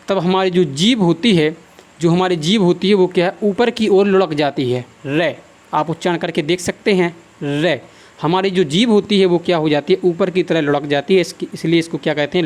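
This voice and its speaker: A man with a high voice teaches a class in a lecture style. He keeps asking questions and answering them himself. He repeats key terms and dictates notes at a slow, even pace.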